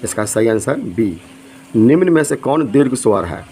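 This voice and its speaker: A man's voice: medium pitch, very animated, normal speed, dark tone, a little hiss or hum, rough recording. A man teaching an exam lesson, reading out each multiple-choice question and its options, then giving the correct answer.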